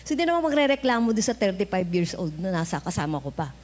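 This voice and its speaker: A woman's voice: mid-range voice, big pitch swings, fast talker, a little mellow, a little hiss or hum. A woman preaching a sermon with a Filipino accent, telling stories animatedly, acting out dialogue and laughing often. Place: church.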